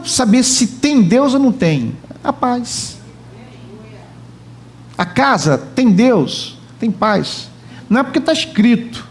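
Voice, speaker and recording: A man's voice: sits high, darkish tone. A man preaching a sermon as pastor in a church, joking and chatting with the congregation. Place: church hall.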